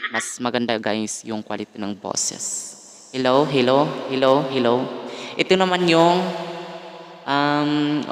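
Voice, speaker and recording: A man with a Filipino accent, giving a casual how-to vlog with lots of pauses and fillers, talking into a condenser microphone. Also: medium pitch, fairly bright tone, smooth. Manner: hesitant, fillers and frequent pauses; addresses viewers politely as guys. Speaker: vlogger. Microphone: condenser mic through a sound card.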